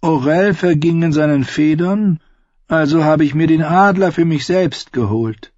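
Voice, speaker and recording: A man voicing a meek, balding older skinchanger who speaks softly and mildly with quiet menace. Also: a little high, measured pace, dry recording, pitched above the performer's own voice, natural voice. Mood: sinister. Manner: soft, mild, sinister. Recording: slightly dull, dry recording.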